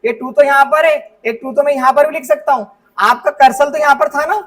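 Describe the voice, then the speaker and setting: A man's voice: very high voice, fairly even intonation, a little fast, fairly bright tone, far from the mic, low-quality recording. A man teaching a computer class step by step to students in a classroom, often checking that they follow along. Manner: explains step by step, often checks understanding with "ठीक है". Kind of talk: classroom software lesson.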